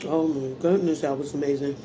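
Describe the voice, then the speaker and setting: A woman's voice: deep voice, fairly even intonation, fairly quick, background noise. An American woman hosting a casual mukbang, chatting in a folksy, informal way between bites with savoring hums. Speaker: mukbang host. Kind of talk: casual mukbang chat while eating.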